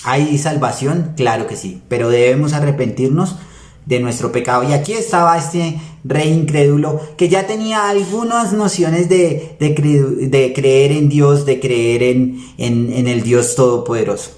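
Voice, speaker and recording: A man with a Colombian Spanish accent gives a church devotional, reading and explaining scripture at an unhurried pace. His voice sits somewhat high for a man. The room around him rings with noticeable echo. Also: a little mellow. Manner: unhurried Bible exposition with rhetorical questions and many hesitations. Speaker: pastor giving a devotional. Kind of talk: sermon devotional. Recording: echoey room.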